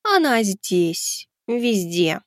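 A calm little cat girl spirit who floats about and talks in slow, broken scraps of words. The voice sits a touch high and sounds dry and close, with no room around it. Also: no echo. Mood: dreamy. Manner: slow halting fragmentary speech. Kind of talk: audiobook character voice.

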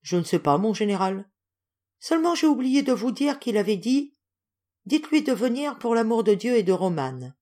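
A woman reading aloud as a calm, kindly gentleman with a gentle, reassuring manner. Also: sits high, normal speed, pitched above the performer's own voice. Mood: respectful.

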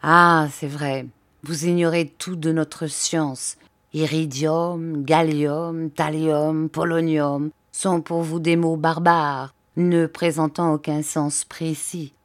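A woman reading aloud who voices an excitable young English male inventor, exclaiming in loud, feverish outbursts. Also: deep voice, slow pace, no echo.

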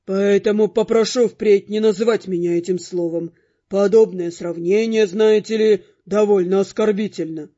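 A woman's voice: medium pitch, fairly even intonation, normal speed, warm tone, pitched below the performer's own voice, lightly acted. A woman voicing a grumpy, rude, scaly male ghost creature who hisses insults, on a dull lo-fi recording with faint music. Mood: stiffly polite. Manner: growling, hissing insults, then stiffly polite.

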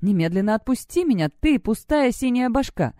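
A woman reading an audiobook, voicing a furious teenage girl witch student who shouts insults. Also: medium pitch, lively intonation, fairly quick, no echo, studio quality, voice pushed up, close to an everyday voice. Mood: raging.

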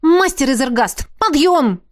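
Woman reading as a young necromancer girl, snappy and stubborn, a bit higher voice. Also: lively intonation, a little slow. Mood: impatient. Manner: sharp, snapping.

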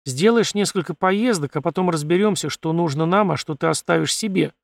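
A man voicing a calm, firm male leader of a valley who speaks bluntly. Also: on the high side, brisk, vocal fry, no room sound, studio quality, voice pushed up.

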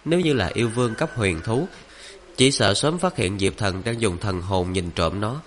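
Male audiobook narrator, lowish voice, steady even read, faint background noise. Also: normal speed. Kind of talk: scripted novel narration.

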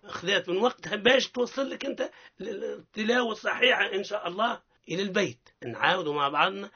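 A man with a Tunisian accent teaching Quran recitation on the radio. He explains step by step and models sounds slowly for listeners to repeat. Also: high-pitched, sharp tone, breathy edge. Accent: Tunisian Arabic. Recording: dull lo-fi radio recording.

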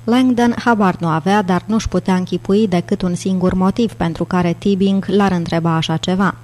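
A woman narrating an audiobook in a steady, measured manner. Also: lowish voice. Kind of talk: scripted narration.

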